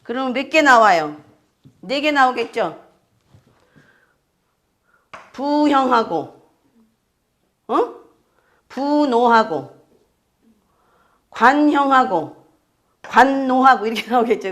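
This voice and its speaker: Her voice sits on the high side, a bit bright, with lively intonation. She is an astrology teacher giving a fortune-telling lecture to a class, going step by step, repeating key terms, and regularly checking her students with quick questions.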